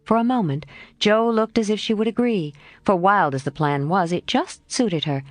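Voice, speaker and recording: A woman narrating a classic novel as an audiobook in an expressive storytelling manner. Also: mid-range voice, moderate pace, no room sound. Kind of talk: scripted narration.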